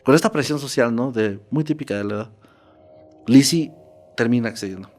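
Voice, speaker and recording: A man's voice: medium pitch, fairly quick, darkish tone. A man narrating a true horror story in a casual, conversational podcast style. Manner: conversational, checks in with "¿no?".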